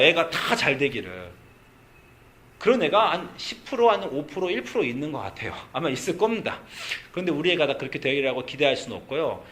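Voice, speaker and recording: A pastor in his forties delivers a sermon in a church, talking conversationally and acting out family arguments. His voice sits somewhat high and swings widely in pitch. The delivery is animated and lively. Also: a little hiss or hum. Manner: conversational, animated preaching with quoted dialogue. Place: church sanctuary.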